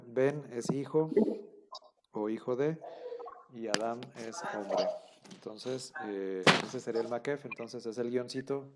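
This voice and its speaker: A Biblical Hebrew teacher with a medium-pitched voice lectures his class, explaining things patiently, repeating points and leaning on fillers. Heavy background noise runs under the recording.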